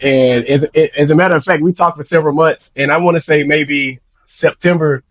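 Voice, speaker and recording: A man's voice: a little high, fairly even intonation, a little fast, no echo. A man from Louisiana, a banking executive and bar owner, telling his story in a casual interview. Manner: storytelling, laughs lightly while telling.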